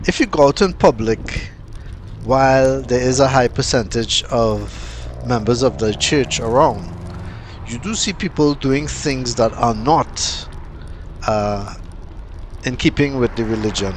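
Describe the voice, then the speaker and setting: A man from Trinidad, giving casual, unhurried vlog commentary with plenty of fillers and pauses. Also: mid-range voice, noisy background. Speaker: cycling vlogger.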